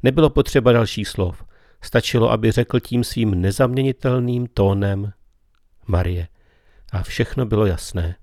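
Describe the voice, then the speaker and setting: A man gives a slow, meditative spiritual talk as a preacher. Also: fairly low pitch, a little mellow, dry recording, clean studio sound.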